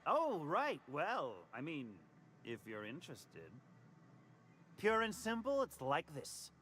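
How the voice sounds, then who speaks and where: A man's voice: fairly high pitch, huge pitch swings, slow pace, fairly bright tone, a little hiss or hum, full character voice. An actor playing a slippery, evasive male hustler in a video game, talking in stammering, wheedling sales patter. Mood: flustered. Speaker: game character.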